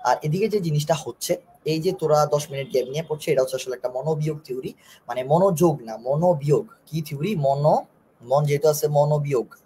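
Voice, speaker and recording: A man with a Bangladeshi Bengali accent, hoarse from a sore throat, giving a live-streamed admission lesson, joking and teasing and repeating key phrases while reading student comments. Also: fairly high pitch, brisk, dark tone, slight background noise. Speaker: online admission coach.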